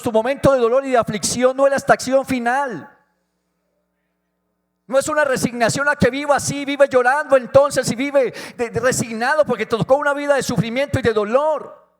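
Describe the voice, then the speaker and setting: A man preaching a sermon as pastor, moving between soft, intimate passages and loud, fervent calls, acting out quiet prayers and quoted words. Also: very high-pitched. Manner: acts out prayers and quoted dialogue in quiet tones. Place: church.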